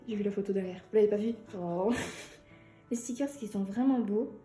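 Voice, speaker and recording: A young woman chatting excitedly and giggling as she unboxes an album for her vlog. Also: mid-range voice, moderate pace, echoey room, soft background music.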